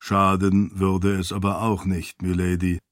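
A man reading an audiobook, voicing a loyal floating spirit servant who speaks in a measured, deferential way. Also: deep voice, monotone, no room sound, studio quality, pitched below the performer's own voice. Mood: calm. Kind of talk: audiobook character voice.

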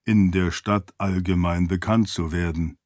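A man reading an audiobook, voicing a loyal floating spirit servant who speaks in a measured, deferential way. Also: deep voice, fairly even intonation, a little mellow, dry recording, studio quality, voice pushed down. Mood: calm. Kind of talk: audiobook character voice.

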